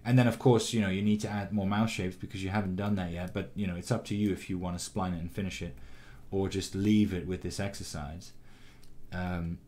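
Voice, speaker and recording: A man teaching animation, giving a calm, encouraging critique of a student's shot with frequent ums and restarts. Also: low voice, fairly quick. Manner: calm, encouraging, many fillers. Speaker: animation instructor. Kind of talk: recorded critique of student work.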